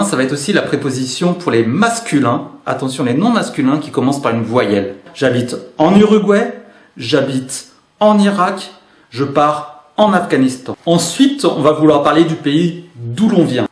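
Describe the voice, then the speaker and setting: A man teaching a French grammar lesson to his channel viewers, with a lively, clear teacherly delivery and rising emphasis. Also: fairly high pitch. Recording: echoey room.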